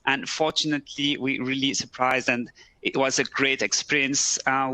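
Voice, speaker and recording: In his 30s and from French-speaking Switzerland, this recruiter gives a webcast presentation from an office. His voice is bright and a little high, and he speaks in a relaxed way with slightly broken English phrasing. There is no room sound.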